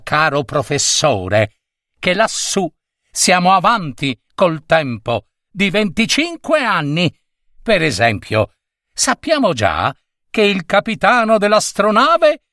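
A man squeaking as a bossy little space chick. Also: no echo, clean studio sound, heavily acted. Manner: lecturing, sharp and self-important. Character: small cosmic chick, alien space commander, bossy.

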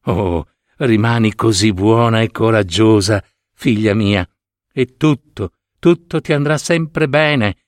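A man's voice: on the low side, takes it slowly, dry recording, studio quality. A man voicing a wise, kindly old grandmother who speaks solemnly in a storybook reading. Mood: tender. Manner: solemn, giving instructions.

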